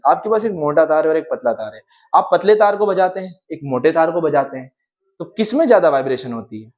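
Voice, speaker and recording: Young man, informal physics coach, slightly high voice, lively asides, casual exam-prep lesson. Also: muffled recording. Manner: lively, chatty and informal, mixes in English terms and playful asides. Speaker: physics teacher.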